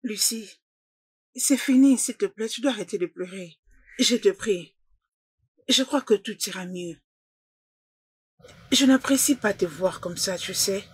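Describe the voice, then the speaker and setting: A woman's voice: fairly high pitch, lively intonation, moderate pace, dry recording. An actress dubbing a stern, confrontational young woman in a drama, speaking insistently. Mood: soothing. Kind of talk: dubbed drama dialogue.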